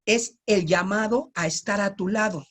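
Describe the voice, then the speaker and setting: A man with a Mexico City Spanish accent gives a Bible teaching in a relaxed, chatty way. He keeps checking in with his listeners through tag questions and slips in joking asides. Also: high voice, moderate pace.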